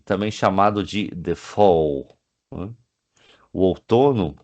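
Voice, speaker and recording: Brief: man from Brazil, online English teacher. Lowish voice, unhurried, explanatory lecture delivery. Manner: slow, explanatory, reads English words aloud one by one; frequent checking tags like "né?" and "ó".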